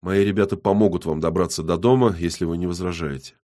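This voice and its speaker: A man's voice: low voice, steady tone, quick pace, warm tone, close to an everyday voice. A man reading as a dry, businesslike police captain. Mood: urgent.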